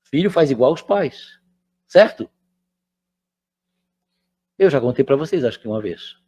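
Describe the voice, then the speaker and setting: A man's voice: medium pitch, expressive, unhurried, mellow, slightly rough, dull audio. An older man, giving a conversational spiritual lecture and often checking in with his listeners. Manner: chatty, keeps checking in with the audience.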